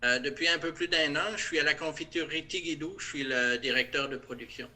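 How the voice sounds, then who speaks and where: Bright-voiced French man, hesitant. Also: fairly high pitch, brisk. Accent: light French accent, partly Québécois. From France. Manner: hesitant, many fillers and restarts. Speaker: interview guest, production director. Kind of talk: casual interview.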